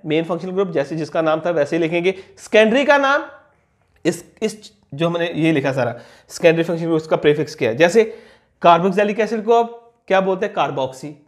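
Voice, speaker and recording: A young man giving a chemistry lesson, posing questions to the class and answering them himself, repeating key terms slowly. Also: on the high side. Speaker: chemistry teacher. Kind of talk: classroom lecture explaining on a board.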